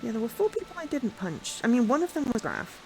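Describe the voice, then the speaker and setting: A woman's voice: on the high side, wildly swooping pitch, quick pace, over music, rough recording. A woman giving casual commentary while playing a video game.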